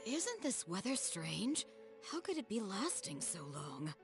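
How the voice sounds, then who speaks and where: Casting: gossiping middle-aged housewife, exaggerated and highly animated, game dialogue over music. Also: female voice, unhurried. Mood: uneasy gossip. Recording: background music behind the voice.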